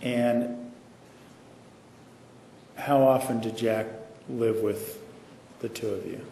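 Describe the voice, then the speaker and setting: A man's voice: mid-range voice, steady tone, vocal fry, dark tone, slight background noise. Attorney man in a courtroom recording. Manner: measured, leading questions. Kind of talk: courtroom questioning. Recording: echoey courtroom audio from far off.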